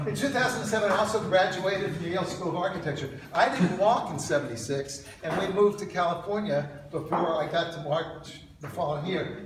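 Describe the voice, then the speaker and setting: A man in his sixties giving an informal, off-the-cuff lightning talk about himself with slides, with wry, self-deprecating asides. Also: on the high side. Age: 60s. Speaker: speaker at an alumni reunion talk. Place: echoey indoor presentation room. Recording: very echoey room, distant mic, loud noise.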